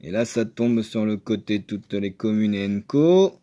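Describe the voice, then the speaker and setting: A man chatting casually while opening trading card boosters, excitable and full of hesitations. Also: fairly low pitch, a little slow, highs cut off. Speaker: card game video maker.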